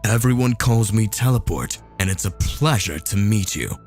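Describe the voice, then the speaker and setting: A man's voice: fairly low pitch, expressive, moderate pace, faint music behind, pitched below the performer's own voice, natural voice. A man voicing a smug, mock-courteous male villain who guards a gate, in a narrated fan story.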